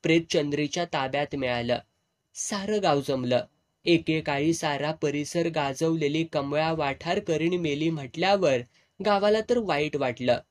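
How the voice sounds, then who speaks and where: A man's voice: fairly high pitch, a little slow. Man narrating a rustic village story. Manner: vivid, earthy rural storytelling.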